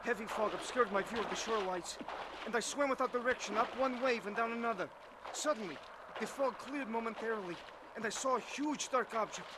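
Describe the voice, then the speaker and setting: With an extremely high-pitched voice and a slightly quick pace, an actor narrates in the first person as an earnest, haunted young Russian defector recounting his story in a scripted, dramatized testimony. The mood is grave and tense, and there's background noise.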